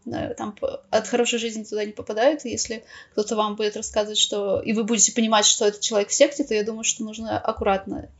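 A young woman, a podcast guest, telling personal stories casually and a bit haltingly on a slightly dull recording. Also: mid-range voice, flat delivery. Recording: slightly dull, muffled sound.

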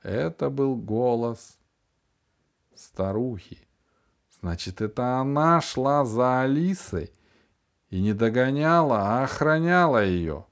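A man reading a novel aloud as an audiobook narrator, telling it dramatically, slowing down and dropping his voice on the tense moments. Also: lively intonation, gravelly. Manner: dramatic storytelling, slowing and dropping low on suspenseful phrases. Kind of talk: scripted narration of a children's sci-fi novel.

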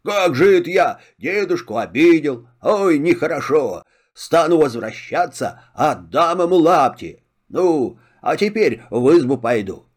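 A man's voice: on the high side, sing-song, measured pace. A man voicing a young peasant who feels ashamed about taking something that is not his. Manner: sighing, ashamed. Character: remorseful young male peasant.

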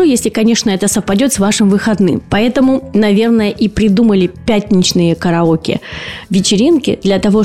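A woman speech and voice therapist with a dark-toned, mid-range voice hosts an educational podcast. She explains patiently, putting rhetorical questions to the people listening.

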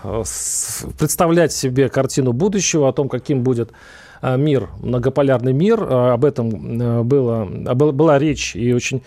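A man hosting a political radio talk show, speaking haltingly and often repeating or restarting his words as he makes his case. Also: medium pitch, warm tone. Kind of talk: argumentative live political interview.

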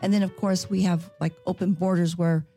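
Mellow American woman, tentative. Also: fairly low pitch, fairly even intonation, brisk, soft background music. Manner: tentative, hedging. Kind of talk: casual group discussion.

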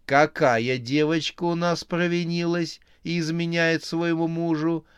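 A man voicing a manic woman clown who wields a chainsaw, cackling and yelling. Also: fairly high pitch, little pitch movement, unhurried, clear, resonant tone, no echo, clean studio sound, pitched above the performer's own voice, natural voice. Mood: gleeful menace.

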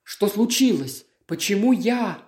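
A reader voicing a young man with a hoarse voice, dazed and then flatly calm, in an audiobook. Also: medium pitch, measured pace, roomy sound, voice pushed up, close to an everyday voice.

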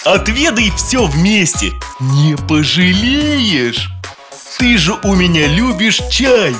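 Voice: medium pitch, big pitch swings, takes it slowly, over music. An actor playing a kindly, caring chef who loves food, speaking affectionately in a children's audio story. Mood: fond, dreamy.

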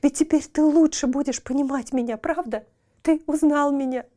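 A woman voicing a devoted, excitable male dog in a children's audio tale, gushing and growling, pitched high. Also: moderate pace, natural voice. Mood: adoring.

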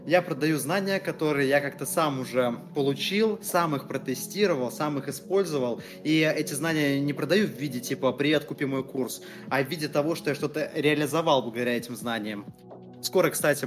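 A man in his twenties, a guest entrepreneur talking casually in an interview, slangy and swearing freely. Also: medium pitch. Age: 20s.

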